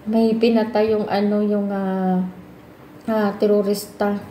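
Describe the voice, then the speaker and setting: Speaking slowly in a flat, dark-toned medium pitch, a Filipino woman vlogs to her audience, calling out to them and mixing in English. Slight background noise and faint ambience come through the echoey room.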